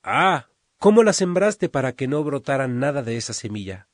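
A man voicing a gentle, wise king who speaks to his people in a story. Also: medium pitch, big pitch swings, moderate pace, no echo, studio quality, close to an everyday voice. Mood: measured.

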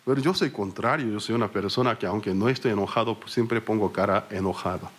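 A man's voice: lowish voice, fast. A male pastor from Korea preaching in a Korean accent, telling stories with self-mocking humor and small slips. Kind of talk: sermon.

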